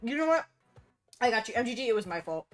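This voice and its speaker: A woman streaming a co-op game, chatting and teasing her friends with animated outbursts. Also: fairly high pitch, fast, faint music behind. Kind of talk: casual gaming chat with friends.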